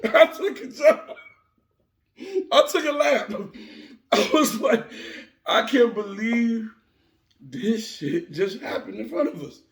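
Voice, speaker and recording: A man tells a story in a casual, animated way and keeps repeating himself. His voice sits high with a gravelly edge, and he takes his time. The room sounds echoey. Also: takes it slowly, pauses often.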